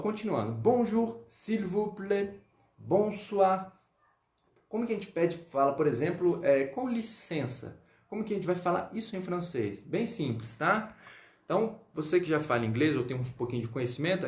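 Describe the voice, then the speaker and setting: Man teaching french, echoey room. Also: a little high. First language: Portuguese. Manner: lively teaching, greets viewers, drills pronunciation slowly. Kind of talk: live online language lesson.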